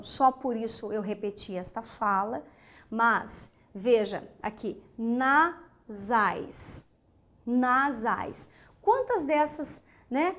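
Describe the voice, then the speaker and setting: Slow, high-voiced Brazilian woman teacher. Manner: explains slowly, asks rhetorical questions, checks understanding with "tá?"; demonstrates sounds by voicing them aloud. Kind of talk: online grammar lesson.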